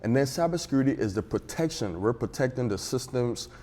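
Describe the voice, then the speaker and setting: A man's voice: mid-range voice, expressive, brisk, warm tone. A young man from Ghana, a cybersecurity engineer, talking earnestly in a casual interview with many restarts.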